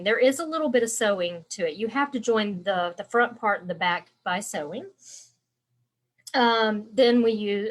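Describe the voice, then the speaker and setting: Hosting a laid-back live stream, a woman embroidery instructor chats and rambles, addressing viewers by name. Her voice is stuffy and congested, at a medium pitch.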